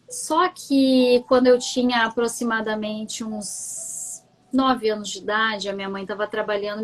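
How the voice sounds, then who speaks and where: A woman's voice: on the high side, low-quality recording. A woman with a southern Brazilian gaúcho accent, a coach and guest telling a personal story on a live stream in a chatty, candid way. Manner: chatty and candid, often checking in with "entende?".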